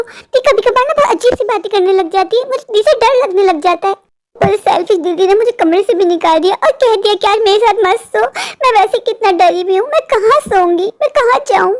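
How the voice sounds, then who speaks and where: A woman doing a high, anxious young sister. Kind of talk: animated horror story voice acting.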